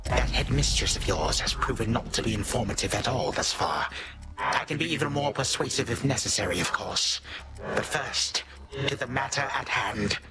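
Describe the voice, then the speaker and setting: An actor voicing Chronos, an imperious, menacing old god of time in a video game, with grandiose archaic phrasing and sneering condescension. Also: male voice, medium pitch, animated, moderate pace, very noisy, close to an everyday voice. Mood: cold, menacing. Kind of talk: dramatic video game villain acting.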